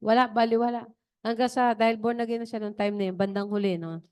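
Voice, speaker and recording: A woman's voice: fairly high pitch, fairly even intonation, fast talker, darkish tone, smooth. A woman preacher giving a chatty, digressive testimony during a worship service.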